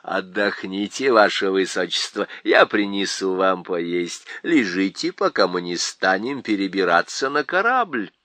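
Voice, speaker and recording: A man voicing a fretful, scheming male faun in a storybook reading, talking in an excited, pleading rush. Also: low-pitched, unhurried, hardly any pauses, no room sound, pitched below the performer's own voice, exaggerated voice. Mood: gentle.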